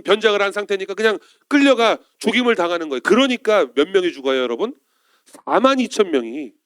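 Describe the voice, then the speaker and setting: A man's voice: sits high, dry recording, clean studio sound. A male pastor preaching a Sunday sermon in church, often turning to the congregation with questions.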